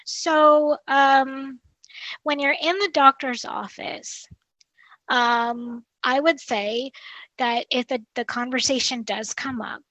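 Higher-voiced woman, earnest and chatty. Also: steady tone, slow, a bit bright, dry recording, poor audio. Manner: earnest, frequent "you know" and restarts. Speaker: podcast guest, dietitian. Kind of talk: casual conversational interview.

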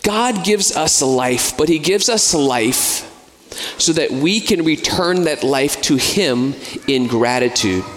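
Casual American male preacher, fairly high voice, long church reverb, chatty sermon asides. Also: lively intonation, slow, fairly bright tone. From United States. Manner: conversational, with casual asides and fillers.

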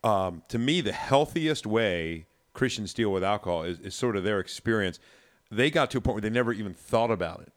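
A man's voice: lowish voice, lively intonation, brisk. A man in a casual discussion, telling stories with dry humor. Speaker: discussion panelist.

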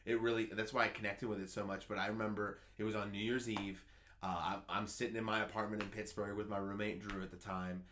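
Over background noise, a man with a lowish voice talks fast while co-hosting a casual sports podcast. He's an excitable storyteller who rambles eagerly and restarts often.

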